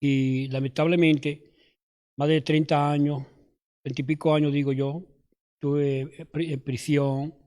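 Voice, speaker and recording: A man from New York with a New York Spanish accent, giving a nervous, halting personal testimony in church. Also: on the high side, level tone, dark tone.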